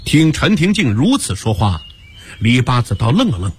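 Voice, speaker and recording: A male storyteller narrating a radio story in an animated, expressive manner. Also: medium pitch, normal speed, slightly rough. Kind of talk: dramatic Chinese storytelling narration.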